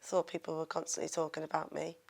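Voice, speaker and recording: A woman with a very low, gravelly voice gives a documentary interview. She speaks quietly and hesitantly, and her sentences trail off. Her pitch barely moves. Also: monotone, quick pace. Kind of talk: documentary interview, personal account.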